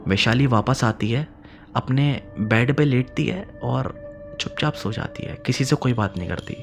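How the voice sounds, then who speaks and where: A man narrating a horror story in a dramatic way, repeating phrases and swinging between loud emphasis and hushed lines. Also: medium pitch, huge pitch swings, measured pace, creaky, soft background music.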